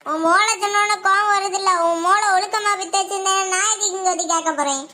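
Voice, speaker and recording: A woman's voice: very high-pitched, fast talker, noisy background. A woman voicing quarrelling village women in a cartoon, scolding. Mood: furious. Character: quarrelling village women, a furious mother among them. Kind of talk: cartoon voice acting.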